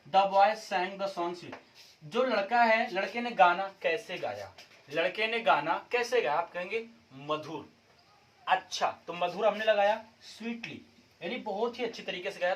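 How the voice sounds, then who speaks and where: A man's voice: high voice, a bit bright, recorded from a distance, poor audio. A man teaching English grammar in a video lesson, mixing in English terms and asking the viewer questions again and again. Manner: repeats rhetorical questions to the viewer; mixes English terms into explanation. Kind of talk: classroom-style video lesson.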